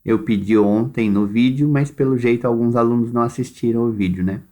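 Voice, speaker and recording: A man's voice: mid-range voice, steady tone, fairly quick, mellow. A Brazilian man teaching a primary class by recorded video, dictating instructions and stretching words out syllable by syllable. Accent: Brazilian Portuguese.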